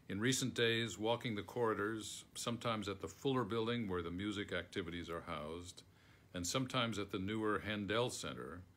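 An older American man of around 70, deep-voiced but a bit bright, reads aloud a foreword he wrote. He is indoors at home in a book-lined room.

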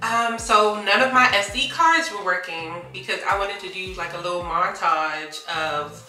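A woman's voice: fairly low pitch, measured pace, bright, forceful tone, roomy sound, far from the mic, soft background music. A young woman talking casually to the camera in an upbeat, chatty travel vlog, filmed indoors in a small cabin bathroom. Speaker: vlogger.

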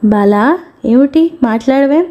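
A woman's voice: high-pitched, lively intonation, measured pace, lo-fi sound. A woman reading as a teasing young husband.

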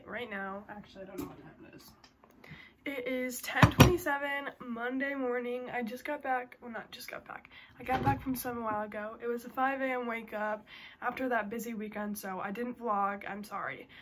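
Chatty young woman vlogging, slightly high voice. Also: a little fast, background noise. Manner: chatty, uses lots of "like" and "basically". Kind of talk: casual vlog talk to camera.

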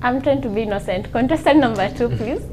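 A soft-spoken Kenyan woman in her twenties, politely questioning men on a dating show in a TV studio. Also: fairly high pitch, fast talker, faint music behind. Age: 20s.

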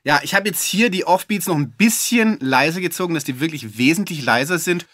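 A man giving a relaxed, chatty music-software tutorial, with fillers and self-corrections. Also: fairly high pitch, a little fast, no room sound. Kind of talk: screen-recorded software tutorial.

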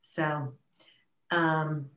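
A woman chairing a public town board meeting, talking in a halting way with many fillers and restarts, over a remote video meeting. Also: low voice, flat delivery, a bit bright, echoey room.

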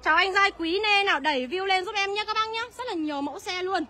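A young woman, selling used cars on a livestream in a brisk sales patter and answering viewer comments. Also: very high-pitched, bright, forceful tone. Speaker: used car seller.

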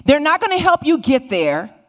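A middle-aged Sunday school teacher leads a Bible lesson in a church sanctuary, holding a microphone and giving the story figures lively voices as she retells them. Her voice is high-pitched and her pace is normal.

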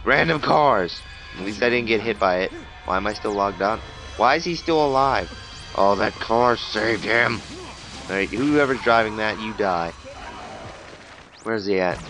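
A young man giving goofy let's play commentary, with sudden loud exclamations while he fights. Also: fairly low pitch. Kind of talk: gameplay commentary. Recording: game music loud under the voice.

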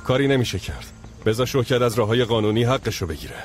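A man playing a stern, calming uncle. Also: medium pitch, soft background music, natural voice. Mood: firm. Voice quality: firm, calming. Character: stern middle-aged uncle keeping the peace. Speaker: dubbing actor. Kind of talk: Persian dub of a TV drama.

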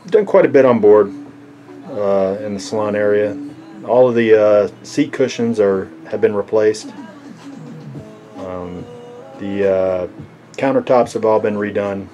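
Man giving a halting boat tour. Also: on the low side, dull audio, soft background music. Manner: relaxed, halting with frequent fillers. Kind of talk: casual walkthrough narration. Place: inside a sailboat cabin. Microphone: handheld camera mic, speaker off camera.

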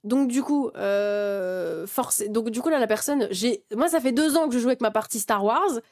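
Animated young woman streamer ranting. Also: on the high side, moderate pace. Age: 20s. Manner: heated, swears freely, many restarts. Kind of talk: casual rant to chat.

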